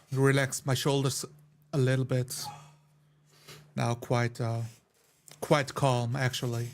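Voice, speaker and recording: There's a slight hiss or hum behind this mid-range male voice. He's in a tabletop roleplay game, describing his character's actions and speaking in broken, restrained, hesitant phrases.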